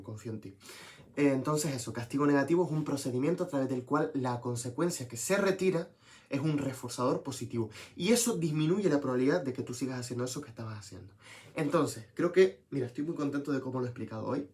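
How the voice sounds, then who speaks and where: A young man giving a casual psychology lesson, lively and checking in with the viewer often. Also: medium pitch. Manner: lively, talks to viewer with frequent "¿bien?". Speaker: psychology teacher.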